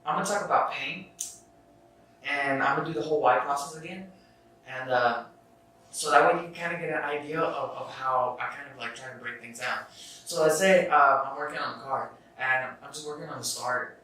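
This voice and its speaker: His voice sits in the mid range, pushed and bright, and he talks fairly quickly. The young man hosts a laid-back self-help podcast, wandering through his thoughts, starting over, and cursing casually, all captured far from the mic in an echoey space with faint noise.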